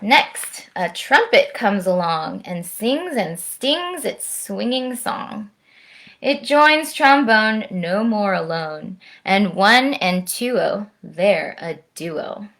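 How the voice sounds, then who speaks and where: A woman in her thirties with a mid-range voice reads aloud to young children in an expressive storytime manner, speaking slowly and directly, and chats to the camera in a friendly way. She is a storytime presenter and orchestra musician, recorded indoors at home on a device microphone.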